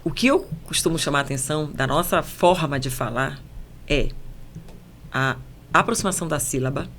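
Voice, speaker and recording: A woman journalist with a Paraense Brazilian accent, speaking as a podcast guest in a measured, emphatic, explanatory way. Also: low voice, lively intonation, fairly bright tone, slight background noise. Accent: Paraense Brazilian Portuguese. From Belém, Pará, Brazil. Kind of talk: podcast conversation.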